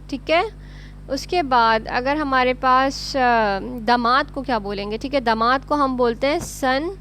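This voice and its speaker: A woman with a Pakistani Urdu accent gives a beginner English lesson in a high voice, taking it slowly. She repeats each word patiently and spells it out letter by letter. A faint hum runs under the recording. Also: a bit bright. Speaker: English teacher.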